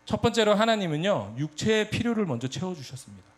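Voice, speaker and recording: A man preaching a sermon to a youth congregation, telling a story in a lively, direct way and often speaking straight to his listeners. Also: high voice, quick pace. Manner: animated storytelling, addresses audience directly. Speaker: youth pastor.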